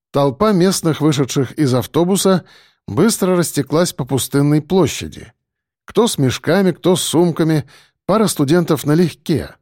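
A man narrating an audiobook in an expressive storytelling manner. His voice sits a bit high and moves in a lively, animated way. It is recorded close and dry, with no room sound. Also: dry recording.

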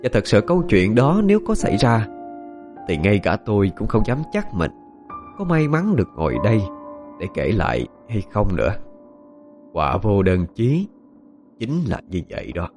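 A man narrating a ghost story in an expressive, dramatic way. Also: on the low side, normal speed, long pauses, over music.

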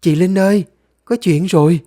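A man's voice: high voice, steady tone, moderate pace, mellow, pitched above the performer's own voice, natural voice. A man voicing a frightened little village girl who gasps out alarming news. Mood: panicked. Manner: panicked, breathless.

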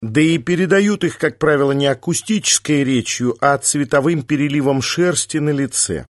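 A bold, mischievous young woman bursts in with eager, teasing lines, as a man puts her on in an audiobook reading. Her voice sits noticeably higher than the reader's own, bright and quick. The recording is dry and close, with no room around it. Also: no echo, close to an everyday voice.

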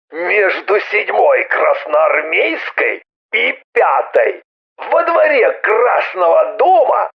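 Creaky gravelly guy on a muffled phone line, a reader doing the voice, dragging every word out slow and nasty, swooping up and down. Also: sits high, exaggerated voice. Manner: slow, drawn-out, insulting taunts. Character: menacing male caller taunting over the phone. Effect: muffled phone-line sound. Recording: dull muffled lo-fi phone sound.

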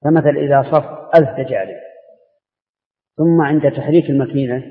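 A man, a religious scholar answering questions in an open session, explaining in a measured, step-by-step way. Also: mid-range voice, fairly even intonation. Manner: measured, explanatory, restarts words. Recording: tinny lo-fi tape with long hall reverb.

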